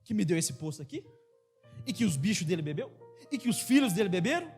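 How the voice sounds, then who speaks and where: A preacher acting out an indignant, sharp-tongued Samaritan woman in the middle of a sermon. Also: sing-song, fast, soft background music. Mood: scolding. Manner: exaggerated high indignant delivery. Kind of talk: acted quote within a sermon.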